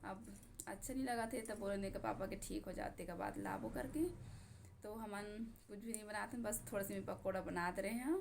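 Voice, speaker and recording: A young woman with a Chhattisgarhi accent chatting casually to her viewers, her voice hoarse from a sore throat. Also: mid-range voice, brisk, slight background noise. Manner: chatty, warm greetings to friends. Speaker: vlogger.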